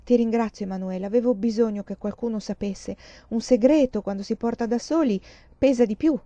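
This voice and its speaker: A woman's voice: a little high, a little fast, dark tone, dry recording, lightly acted. A woman reading as a proud, weary woman writer. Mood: eager. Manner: speaks in bursts, intense and rueful. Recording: dull lo-fi recording.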